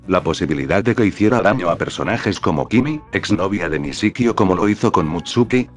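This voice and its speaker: A man narrating a scripted analysis video in a formal, measured reading style. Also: low voice. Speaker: video essayist. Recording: soft music underneath.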